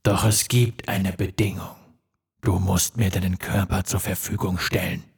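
A man voicing a commanding, cunning male sand demon with a deep, menacing voice and reverb on it. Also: fairly even intonation, unhurried, gravelly, husky, exaggerated voice. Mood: sinister. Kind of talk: audiobook-style fantasy narration.

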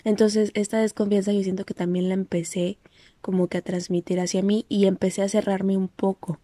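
Mellow-voiced Mexican woman chatting. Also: mid-range voice, level tone, brisk, no room sound. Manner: chatty, full of fillers and restarts. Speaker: podcast host. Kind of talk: casual personal monologue.

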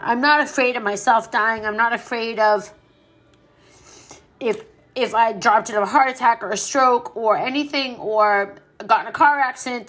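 Grieving mom talking straight into the mic, a bit high-pitched, blunt and mouthy, swears a lot, sometimes runs short of breath. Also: female voice, a bit bright. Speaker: podcast host. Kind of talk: personal grief monologue.

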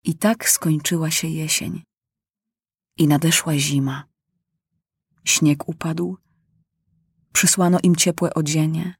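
A woman narrating a children's audiobook with lively, expressive storytelling. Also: low-pitched, slow, long pauses, husky, dry recording, studio quality.

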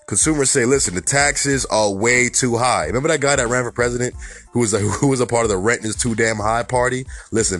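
A man with a New York accent hosts a casual solo podcast, chatting away with plenty of "you know" and "honestly." His medium-pitched voice is a bit bright but raspy and hoarse from a slight cold.

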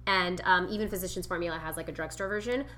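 Upbeat woman cohost, bright voice, faint hum in the background. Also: on the low side, fast. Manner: upbeat, explains beauty products. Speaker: podcast co-host. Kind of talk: casual chat. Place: home kitchen.

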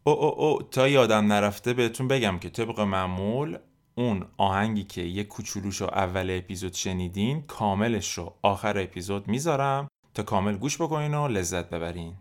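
A man hosting a podcast language lesson, explaining steadily and repeating example sentences slowly and clearly. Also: on the low side. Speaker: French teacher, podcast host.

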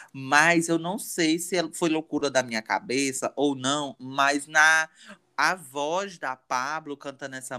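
A man chatting on a podcast, his voice bright and clear. He talks in a playful, lively way with a slightly high pitch. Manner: lively, playful, laughs often. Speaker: podcast co-host. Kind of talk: casual chat.

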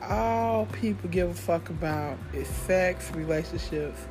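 A woman's voice: fairly low pitch, a little slow, over music. A middle-aged American woman giving a casual, rambling solo podcast monologue in a blunt, cynical, freely swearing manner. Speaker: podcast host.

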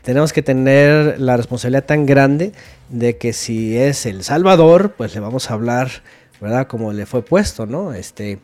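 A man's voice: mid-range voice, lively intonation, normal speed, a little mellow. Hesitant man, guest teacher. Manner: hesitant, many fillers like este. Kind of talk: casual chat.

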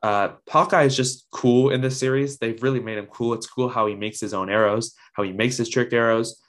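A man's voice: mid-range voice, fairly even intonation, brisk, fairly bright tone. A man reviewing a TV episode in a casual video, praising it with enthusiasm and lots of ums.

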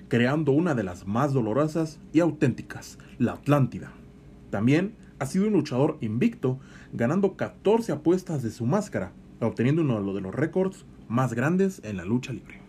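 Male narrator for wrestling profiles, animated intonation, soft dark tone, faint noise. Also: medium pitch, moderate pace. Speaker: co-host of a lucha libre show. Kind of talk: scripted biographical narration.

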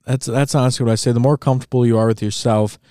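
A man's voice: mid-range voice, fairly even intonation, very fast, mellow, smooth, no echo, studio quality. A young man co-hosting a podcast, joking about himself in casual chat. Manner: joking, self-deprecating. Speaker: podcast co-host.

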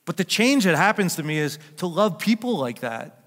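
Older man, pastor, preaching a sermon, conversational then emphatic, slightly high voice, long church reverb. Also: sing-song, normal speed. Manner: conversational, joking with the congregation, builds to loud emphatic peaks. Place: church sanctuary.

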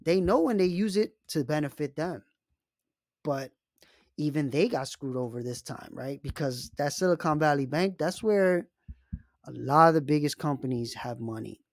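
A man's voice: fairly high pitch, expressive, moderate pace, no room sound, clean studio sound. A man hosting a casual personal finance talk, speaking emphatically and turning to the listener with frequent asides. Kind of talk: casual monologue with storytelling.

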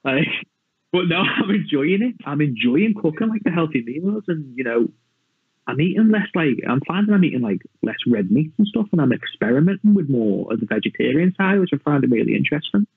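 A man's voice: fairly high pitch, very animated, fairly quick, creaky, husky, no echo. A chatty man on a tinny line. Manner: chatty, self-mocking, lots of fillers. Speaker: podcast guest, personal training client. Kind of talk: casual chat. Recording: tinny phone-like line, dry.

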